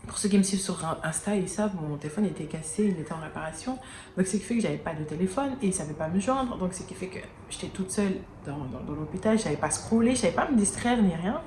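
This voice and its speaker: Speaking directly to camera, a vlogger talks casually and earnestly, her slightly low, lively, somewhat mellow voice halting often as she restarts sentences. Recorded on the camera mic indoors near an airport during the day, the sound is roomy and echoey, with a faint hum plus planes and sirens passing.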